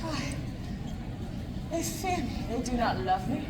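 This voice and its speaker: Proud, yearning thief queen, very high voice, olde Renaissance faire speech projected live outdoors, distant over loud crowd. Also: expressive, slow. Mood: bitter, yearning. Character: proud yearning Queen of Thieves, outlaw leader. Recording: echoey outdoor arena, distant mic, noisy crowd.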